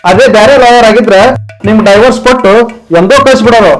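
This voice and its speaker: A man's voice: very high voice, steady tone, fast, music in the background. A man playing an impatient lawyer with a North Karnataka accent. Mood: insistent. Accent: North Karnataka Kannada. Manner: scolding, impatient. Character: exasperated male small-town lawyer, middle-aged. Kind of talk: comedy sketch acting.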